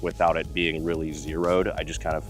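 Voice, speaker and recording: A man's voice: extremely low pitch, flat delivery, fairly quick, music in the background. A man hosting a gun video in a casual, joking way, wisecracking and swearing freely. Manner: foul-mouthed, wisecracking. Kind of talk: casual, joking presentation to camera.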